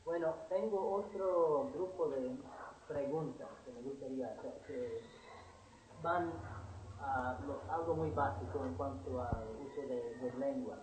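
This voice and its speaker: A man asks questions in short, hesitant bits, often starting over. He sits well back from the mic, so his voice sounds distant and echoey. Clear background noise runs under his speech. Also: medium pitch, darkish tone. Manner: hesitant, halting questions with restarts. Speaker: interviewer. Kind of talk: interview questions. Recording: distant, roomy, noisy recording.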